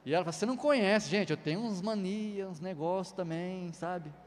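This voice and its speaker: A man's voice: high-pitched, fairly quick. A middle-aged man preaching a sermon in a chatty way, firing rhetorical questions and tagging lines with 'né'. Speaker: pastor. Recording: long hall reverb.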